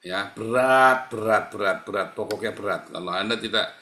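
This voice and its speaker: A man's voice: on the low side, normal speed, sharp tone. Man preaching in an echoey room. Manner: preachy, repetitive, addresses listeners as "saudara". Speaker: pastor. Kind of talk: live-streamed sermon.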